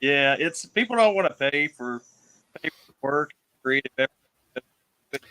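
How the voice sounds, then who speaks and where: A man's voice: a little high, animated, slow pace, bright, forceful tone, no echo, rough recording. A man, a guest on a live call, talking in a laid-back, reflective way while his call audio glitches and cuts out. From Georgia, USA. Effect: glitchy, cutting-out call audio. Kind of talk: casual chat on a live call. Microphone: remote call connection.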